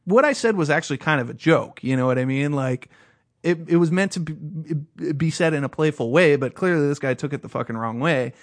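A man's voice: a little high, a little fast. A man co-hosting a podcast, ranting heatedly in casual chat with lots of swearing. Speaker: podcast co-host.

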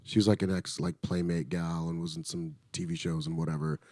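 A middle-aged man, an actor, casually telling a show-business story, animated and swearing freely. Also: low voice, brisk, no room sound, studio quality. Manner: animated, acts out quoted voices, swears freely.

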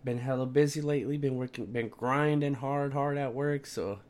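A man's voice: medium pitch, fairly even intonation, moderate pace, darkish tone. Brash frat-bro guy podcasting while sick. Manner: brash frat-bro slang with heavy swearing. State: sick and tired. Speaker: sports podcast host. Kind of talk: casual solo sports podcast talk.

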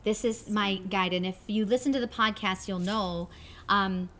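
A woman's voice: medium pitch, fairly even intonation, moderate pace. A woman co-hosting a live podcast, speaking in an effusive, spiritual coaching way. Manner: warm-hearted, effusive, spiritual coaching talk. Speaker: podcast co-host. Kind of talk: casual live podcast chat. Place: winery event space with live audience.

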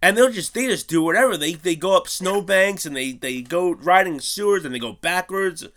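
A man in casual chat, laid-back, swearing and quick to laugh. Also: high voice, fairly bright tone.

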